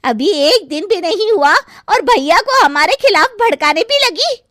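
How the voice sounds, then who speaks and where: A shrill, scheming girl who sneers and threatens her new sister-in-law. She talks loudly and very high, with a dry close sound. It is a cartoon story voice. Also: animated, unhurried, no echo, exaggerated voice. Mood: scornful. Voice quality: shrill, taunting. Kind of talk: animated story voice acting.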